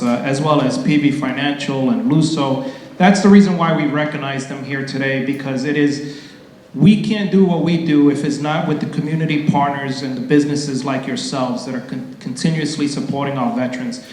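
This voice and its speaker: A man's voice: medium pitch, fairly even intonation, moderate pace, a little mellow, a little hiss or hum. A man emceeing a community ceremony, reading award citations formally and adding loose, casual asides. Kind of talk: public ceremony speech. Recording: very echoey hall with long reverb.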